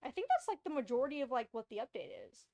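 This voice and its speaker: A woman's voice: high-pitched, sing-song, very fast, darkish tone. A young woman streaming a video game, chatting casually and rambling, with frequent laughs. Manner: bubbly, rambling, laughs often. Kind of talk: casual gameplay chat.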